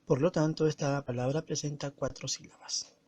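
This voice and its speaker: Male teacher, slightly high voice, slow and didactic, dry close recording. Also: fairly even intonation, darkish tone, dry recording. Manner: slow and didactic, stressing words and syllables. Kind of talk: recorded classroom lesson.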